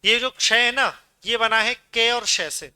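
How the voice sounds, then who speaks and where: A man's voice: extremely high pitch, a little slow, sharp tone, smooth, no echo, studio quality. A man teaching pronunciation in class, drilling sounds aloud and asking students to repeat. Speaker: Hindi teacher.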